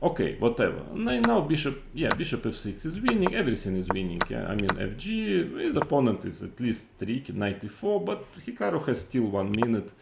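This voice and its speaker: A man giving off-the-cuff chess commentary in an exasperated, incredulous, critical way, with halting, repetitive phrasing and rhetorical questions. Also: mid-range voice, very animated, gravelly, echoey room, background noise.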